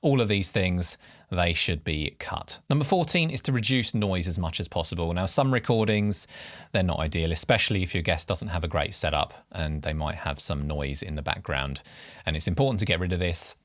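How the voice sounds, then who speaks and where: A man presents podcast production tips in scripted tutorial narration, informal and explanatory, stressing the key headings. His voice is low-pitched and fairly quick, recorded dry with clean studio sound.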